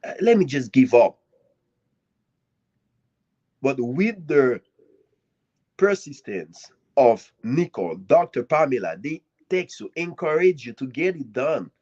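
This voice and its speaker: A man from Haiti, a guest author giving an earnest, grateful speech at a live author event, with swinging emphasis and long dramatic pauses. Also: mid-range voice, very animated, a little mellow, husky. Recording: dull lo-fi audio.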